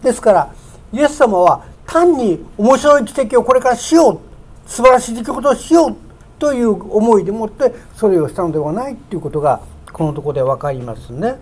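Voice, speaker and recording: A pastor preaching a sermon, building to emphatic raised peaks on key words and slowing down to read scripture aloud, in a church sanctuary. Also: mid-range voice, animated, darkish tone, breathy edge.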